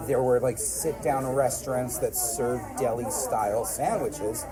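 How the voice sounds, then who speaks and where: A man's voice: medium pitch, fairly even intonation, a little slow. American man chatting in a noisy diner. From United States, suburbs. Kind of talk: casual chat in a diner. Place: inside a busy diner. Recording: busy diner chatter behind the voice. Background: crowd chatter.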